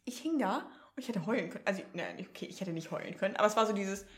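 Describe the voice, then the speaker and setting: A woman's voice: medium pitch, very fast. A young woman co-hosting a podcast, chatting casually and acting out quoted dialogue as she tells stories. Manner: animated storytelling, acts out quoted dialogue. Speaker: podcast co-host. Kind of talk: casual chat. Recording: roomy echo.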